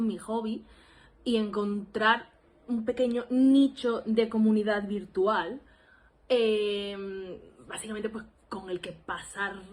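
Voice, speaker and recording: A Spanish woman in her twenties with an Andalusian accent introduces her language-learning vlog, rambling casually to the camera. Her voice is a little high. She's self-deprecating, laughing often and using lots of fillers.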